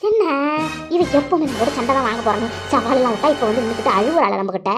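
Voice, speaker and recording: A woman's voice: fairly high pitch, lively intonation, fast, music in the background, lightly acted. A woman voicing a petty, whining younger aunt in a cartoon. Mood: plotting. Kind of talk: cartoon voice acting.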